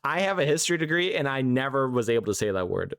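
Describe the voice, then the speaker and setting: A man co-hosting a casual podcast, reasoning aloud quickly with a self-deprecating touch. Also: medium pitch, sing-song, gravelly, a bit bright, no room sound, clean studio sound. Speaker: podcast co-host.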